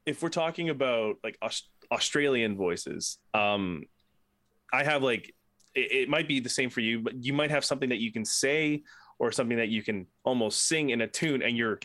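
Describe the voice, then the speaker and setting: A man's voice: mid-range voice, moderate pace, fairly bright tone, no echo, studio quality. A man chatting casually on a podcast, rambling with frequent restarts and swearing freely.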